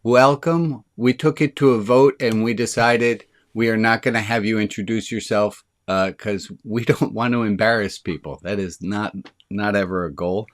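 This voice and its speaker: A man in the role of a rabbi runs an online group session over video, chatting casually. He has a deep, resonant voice and talks rapidly and keenly, saying excitement is what speeds him up.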